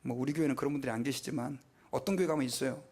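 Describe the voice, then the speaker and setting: A man's voice: mid-range voice, racing, a little mellow, slightly rough. A middle-aged male pastor preaching a sermon in a conversational way, asking the congregation questions and acting out quotes.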